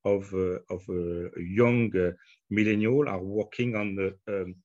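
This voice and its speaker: A man's voice: deep voice, fairly even intonation, unhurried, darkish tone, no room sound, muffled recording. A man with a French accent answering in a business interview, hesitant, with many fillers and restarts. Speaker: hospitality executive.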